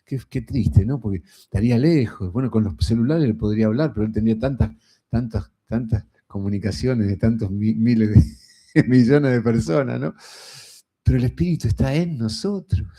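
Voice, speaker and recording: Folksy Rioplatense preacher man, mellow tone. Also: mid-range voice, moderate pace, husky. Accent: Rioplatense Spanish. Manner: folksy and conversational, frequent rhetorical "¿no?". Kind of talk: sermon.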